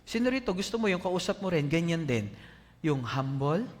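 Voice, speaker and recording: A Filipino-accented male pastor preaches in an animated, conversational way, often putting questions to his listeners. His voice sits a bit high for a man. It rings with the long reverb of a church hall. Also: moderate pace. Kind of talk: sermon.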